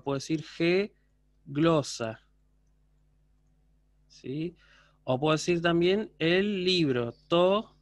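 A man's voice: fairly high pitch, dry recording. A man teaching a university class online, explaining patiently and often checking that students follow. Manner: patient, explanatory, checks understanding with frequent questions.

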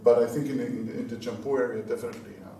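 A man's voice: medium pitch, steady tone, very fast, dark tone, distant mic. A middle-aged man talks informally on a panel in an echoey, noisy seminar room, repeating words as he thinks. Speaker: scholar on a translation panel. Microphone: handheld microphone.

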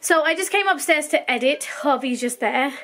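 A woman's voice: high voice, moderate pace, a bit bright, slight background noise. A woman in her thirties, feeling unwell with sore tonsils, chatting casually to a handheld camera in her bedroom, rambling between plans and minding her son. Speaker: vlogger. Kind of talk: casual vlog chat. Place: bedroom, indoors. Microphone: handheld camera at arm's length.

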